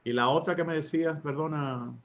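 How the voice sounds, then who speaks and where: Dominican priest teaching over a dull line. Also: male voice, on the high side, a little fast. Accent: Dominican Spanish. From Dominican Republic. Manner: asks the audience rhetorical questions, hesitates with fillers. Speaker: priest giving a talk. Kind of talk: teaching talk to couples.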